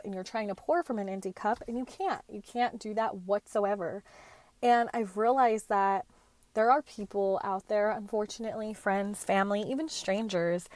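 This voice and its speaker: Speaking alone on her podcast, this late-20s woman keeps things casual: chatty and earnest, with the odd slangy aside. Her mid-range voice is recorded with no echo.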